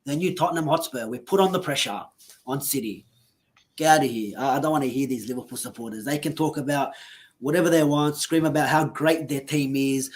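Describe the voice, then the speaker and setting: A man from Australia co-hosting a casual football podcast, animated and mocking rival fans, laughing often. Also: medium pitch, a little fast. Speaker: podcast co-host.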